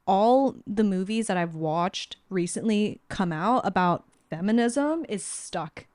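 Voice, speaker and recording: A woman's voice: mid-range voice, a little mellow, no echo, clean studio sound. A woman co-hosting a podcast in casual chat, talking with lots of fillers and trailing off mid-thought. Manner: chatty, filler-heavy, trails off. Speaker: podcast co-host.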